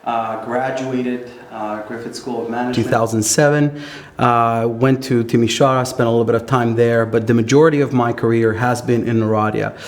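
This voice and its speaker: A man's voice: mid-range voice, fairly even intonation, brisk. A man from Romania, a company co-founder, introducing himself on a panel in brief, clipped phrases.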